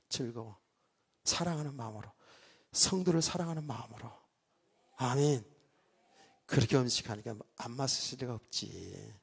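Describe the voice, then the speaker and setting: In a church sanctuary, a middle-aged pastor delivers a sermon in a medium-pitched, slightly rough voice. He chats casually with the congregation and tosses in joking asides.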